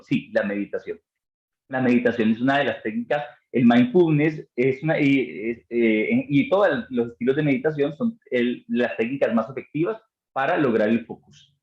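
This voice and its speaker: A man's voice: medium pitch, darkish tone. A man teaching a live online class on mind and meditation, answering chat questions in an encouraging, effusive way, with hesitant fillers as he thinks aloud. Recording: dull, roomy sound.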